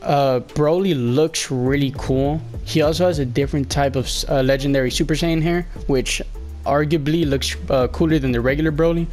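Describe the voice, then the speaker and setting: This is a casual game walkthrough voiced by a young male commentator whose slightly high, somewhat mellow voice moves at a moderate pace over soft background music. He's a little under the weather, his voice fading, and he rambles hesitantly with many fillers.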